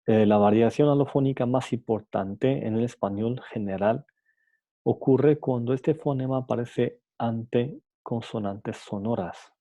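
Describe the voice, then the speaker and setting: Dark gravelly guy teaching phonetics, slow and halting, lots of ums. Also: medium pitch, dull audio. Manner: hesitant, many fillers and restarts; says examples aloud, ends points with "¿no?". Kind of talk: phonetics lecture.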